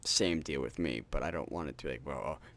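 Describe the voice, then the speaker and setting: Very deep, gravelly-voiced male gaming host. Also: fast talker, a bit bright, a little hiss or hum. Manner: rambling, casual, swears freely. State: tired. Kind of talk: rambling outro chat to viewers.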